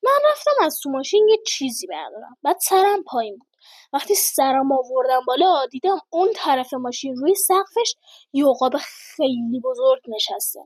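A woman's voice: high-pitched, expressive, no echo. A woman voicing an adult male schoolteacher who questions his class and tells a story. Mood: recounting. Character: male schoolteacher, adult, patient but exasperated.

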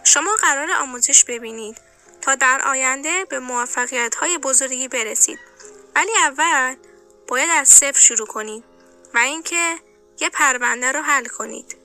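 An actress voicing a composed school principal who speaks in a measured, firm and authoritative way. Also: female voice, sits high, pushed and bright, soft background music, exaggerated voice. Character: composed adult woman school principal, firm but kind. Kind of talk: audio drama acting.

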